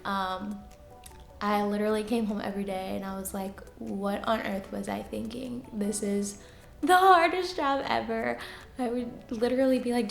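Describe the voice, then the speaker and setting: A young woman, a teacher answering viewer questions in a casual Q&A, speaks in a soft, fairly high voice with a gravelly edge. She's chatty, laughs often, and uses plenty of fillers, in an echoey room with faint music in the background.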